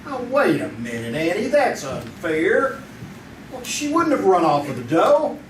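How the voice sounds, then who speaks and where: A man's voice: sits high, big pitch swings, measured pace. Echoey, distant man playing a stubborn crime photographer. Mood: defensive, worried. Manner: defensive, insistent, tough slangy talk. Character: Casey, stubborn, loyal male newspaper crime photographer. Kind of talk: old-time radio drama acting, performed live. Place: theater stage, performed live. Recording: distant, echoey live stage, noisy room.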